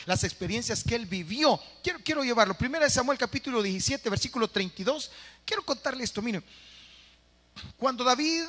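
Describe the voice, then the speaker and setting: A man preaching a sermon as pastor, animated, dramatizing scenes and calling out phrases to his church. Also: high voice, in a large hall. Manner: animated preaching, acting out voices and shouting phrases. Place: church sanctuary.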